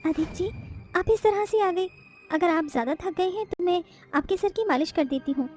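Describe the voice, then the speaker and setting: A woman voicing a gentle, anxious young bride in a cartoon story, speaking softly and pleadingly. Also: extremely high pitch, moderate pace, faint music behind, voice pushed up. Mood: timid. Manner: soft, pleading.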